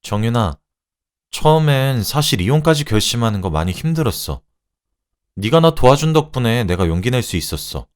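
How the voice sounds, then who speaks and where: A man voicing a sharp-tongued young wife who coldly mocks her rival, his voice raised in pitch. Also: sing-song, moderate pace, smooth, natural voice. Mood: calm, soft. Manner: cold, cutting, mocking.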